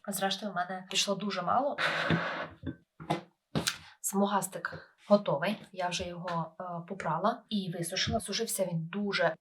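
Ukrainian woman vlogger, a bit under the weather, low-pitched, relaxed chatty delivery. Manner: relaxed, chatty, with many filler hesitations. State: slightly ill, voice affected. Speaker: knitting vlogger. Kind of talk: casual vlog talk.

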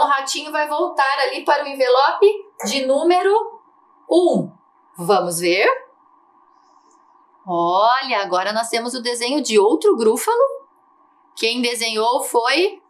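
Lively sing-song Brazilian woman teacher. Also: high-pitched. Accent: Brazilian Portuguese. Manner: sing-song, slow and drawn out on key words. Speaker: primary school teacher. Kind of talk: lively lesson for young children.

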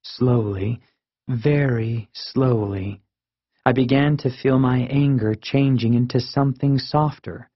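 A man narrating a children's audiobook in a calm, unhurried way. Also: mid-range voice, dry recording. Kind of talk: scripted narration. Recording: dull lo-fi audiobook recording.

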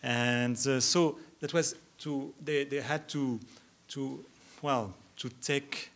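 Halting man answering questions. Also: mid-range voice, steady tone, fairly bright tone. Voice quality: halting, many restarts and stammers. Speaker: keynote speaker answering questions. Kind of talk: academic Q&A answer. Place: lecture hall.

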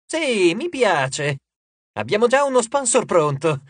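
Guy doing a grotesque taunting sea god in an audiobook, loud and mocking. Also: very animated, slow pace, slightly rough, no room sound, full character voice. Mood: gloating. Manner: taunting, theatrical, booming.

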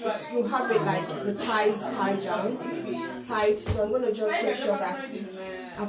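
A woman's voice: mid-range voice, slow pace. A middle-aged woman from Nigeria shows how she cooks at home, walking through each step and asking if everyone understands. She talks into a phone camera in her kitchen. The room rings with echo, and children chatter around her. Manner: chatty, explains step by step, often checks in with "do you understand?". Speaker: home cook vlogger. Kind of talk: casual cooking demonstration.

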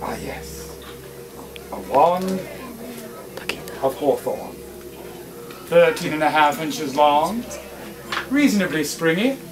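A performer playing a theatrical wizard wandmaker who addresses a live audience with dramatic pauses, recorded from a distance. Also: mid-range voice. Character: theatrical wizard wandmaker shopkeeper, grand and mysterious. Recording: distant live recording with loud room noise.

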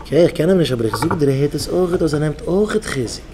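Mellow-voiced rabbi exhorting his students. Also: fairly high pitch, lively intonation, quick pace, a little hiss or hum. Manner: exhorting, leads the crowd in call-and-response chants. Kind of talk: Yiddish sermon to yeshiva students.

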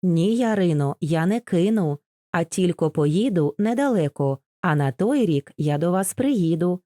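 Woman voicing a young cossack, earnest gentle sorrowful, low mellow voice, dry close sound. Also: expressive, measured pace, no echo.

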